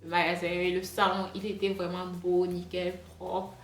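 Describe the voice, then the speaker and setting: A woman's voice: on the low side, monotone, normal speed. Chatty woman with a foreign accent, roomy echo. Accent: non-native French accent. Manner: rambling, chatty, many fillers and restarts. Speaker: hair vlogger. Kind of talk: casual storytime monologue. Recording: roomy echo with faint music.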